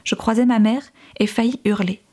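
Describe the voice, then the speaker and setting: A woman reading a novel aloud in a soft, measured and often hushed voice. Her tone is mellow and warm, pitched a little high. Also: fairly even intonation. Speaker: audiobook reader. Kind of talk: scripted narration.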